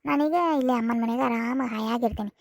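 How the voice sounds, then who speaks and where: A woman's voice: a little high, steady tone, fast talker, darkish tone, dry recording, close to an everyday voice. A woman voicing a spoiled, sulky young wife in a cartoon comedy, with a North Karnataka accent, whining and repeating her complaints. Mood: indignant. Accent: North Karnataka Kannada. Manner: whiny, complaining, repeats herself.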